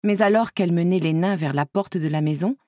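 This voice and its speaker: Expressive woman reading a storybook aloud. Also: on the low side, a little fast, no room sound, clean studio sound. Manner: expressive, lively narration.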